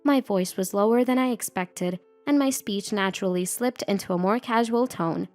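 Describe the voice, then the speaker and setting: A woman's voice: mid-range voice, moderate pace, a little mellow, faint music behind. Woman narrating a first-person story.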